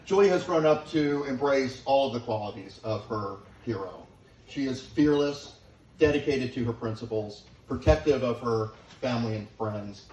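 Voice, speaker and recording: A man's voice: mid-range voice, darkish tone. Middle-aged man's echoey father-of-the-bride speech. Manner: sincere, affectionate delivery with deliberate pauses for the guests. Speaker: father of the bride giving a toast. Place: large room at a wedding reception, guests present. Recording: echoey, noisy room, distant microphone.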